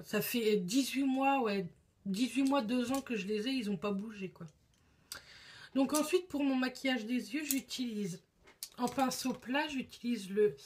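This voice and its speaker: A young woman talking casually as a beauty vlogger, chatty and hesitant, with many fillers and restarts. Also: on the high side. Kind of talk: casual chat.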